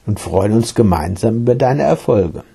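A man voicing a gentle, patient male meditation teacher who explains his practice in a read-aloud story. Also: lowish voice, lively intonation, normal speed, vocal fry, breathy edge, heavily acted.

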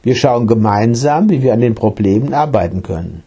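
A man voicing a gentle, patient male meditation teacher who explains his practice in a read-aloud story. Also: medium pitch, animated, fairly quick, breathy edge.

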